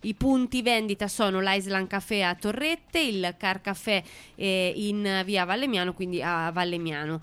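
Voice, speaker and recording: Female radio host, sports talk. Smooth, crisp voice, dry close sound, halting delivery with stressed key words. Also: mid-range voice, a bit bright, no room sound.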